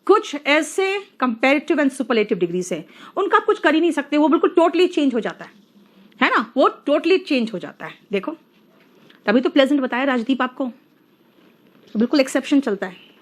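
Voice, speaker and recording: A woman teaching an English grammar lesson, coaxing her students and drawing out the example words slowly. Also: high-pitched, animated.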